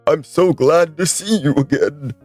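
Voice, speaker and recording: A man voicing a kindly, joking old grandfather in a visual novel with a slow, deliberate old-man voice. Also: on the high side, darkish tone, dry recording, faint music behind, pitched above the performer's own voice. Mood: warm.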